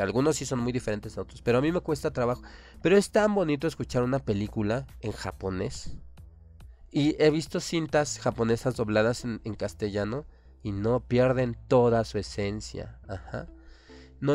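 A Mexican-accented man hosts a talk show and rants with passion. His voice sits at an ordinary middle pitch, and he fires off one rhetorical question after another. Faint music plays softly behind him. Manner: impassioned, ranting, full of rhetorical questions. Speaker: radio show host. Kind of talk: opinionated monologue.

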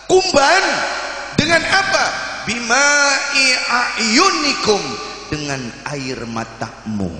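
Man, live preacher; slow, lively, jokey delivery with shouted peaks; recorded in a booming, reverberant hall. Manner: jokey, questions the audience directly; swings between soft asides and shouted exhortation. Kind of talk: live sermon to a crowd. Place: large hall at a live religious gathering. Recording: echoey hall with long reverb.

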